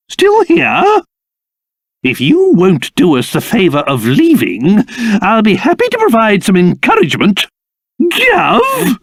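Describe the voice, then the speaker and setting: A man voicing a pompous, excitable old cursed king in a video game, with a British accent and old-fashioned, theatrical speech. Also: extremely high pitch, husky, no room sound, clean studio sound, exaggerated voice. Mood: haughty, outraged. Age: older. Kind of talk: video game character voice acting.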